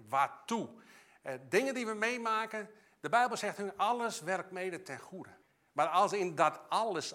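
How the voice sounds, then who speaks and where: A man preaching a sermon, emphatic and passionate, often repeating and restarting his phrases. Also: a little high. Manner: emphatic, rising to loud passionate peaks.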